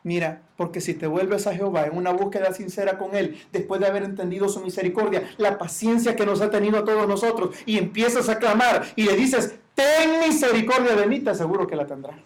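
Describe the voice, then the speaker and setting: High-voiced man preaching a sermon. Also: fast talker, few pauses. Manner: preaching with rising shouted emphasis on quoted cries. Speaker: pastor.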